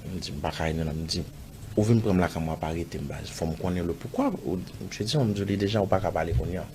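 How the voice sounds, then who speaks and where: A man's voice: low-pitched, quick pace, darkish tone, slight background noise. A man with a Haitian accent recounting a personal story in an interview, rambling and acting out the dialogue. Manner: rambling, acts out dialogue, pepper of "bah" and "man". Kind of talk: casual spoken storytelling.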